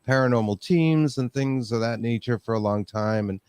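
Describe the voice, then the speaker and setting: A man's voice: mid-range voice, normal speed, darkish tone, smooth, dry recording. A man guesting on a talk show, a friendly and easygoing storyteller. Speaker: guest podcaster. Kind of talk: casual interview talk.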